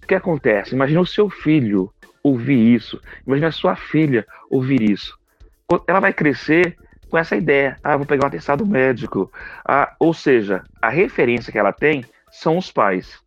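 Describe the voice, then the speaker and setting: A man's voice: mid-range voice, sing-song, normal speed, no echo. A man with a Brazilian accent, a psychologist hosting a podcast, giving an earnest, folksy motivational monologue. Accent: Brazilian Portuguese. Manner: earnest, folksy, frequent "né" tags. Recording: dull, dry recording with faint music.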